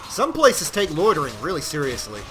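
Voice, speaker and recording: A man giving casual, profane, rambling commentary while he plays a game, now and then bursting into shouts. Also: on the high side, huge pitch swings, fairly quick. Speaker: gameplay commentator. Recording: loud game music behind the voice.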